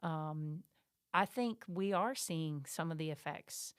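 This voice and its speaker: Woman, middle-aged, smooth voice, slightly low, dry close sound, chatty podcast co-host. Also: takes it slowly, no room sound. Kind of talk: casual podcast chat.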